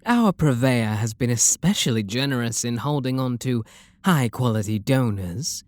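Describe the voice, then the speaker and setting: Patient and negotiating, a British-accented vampire lord, refined and possessive, is voiced softly and deliberately by a man in an ASMR roleplay, his manner genteel and flirtatious. The mid-range voice sounds natural with lively intonation, and there's no echo.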